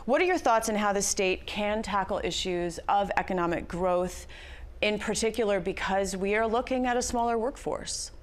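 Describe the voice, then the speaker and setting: Measured woman interviewer. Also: mid-range voice. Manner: measured, reads prepared questions. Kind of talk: formal broadcast interview.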